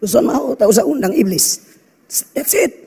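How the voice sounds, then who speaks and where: A pastor with a Kupang accent, preaching a blunt, scolding sermon full of local slang. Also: male voice, very high voice, expressive, normal speed, vocal fry, dark tone, breathy edge. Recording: reverberant hall with faint music.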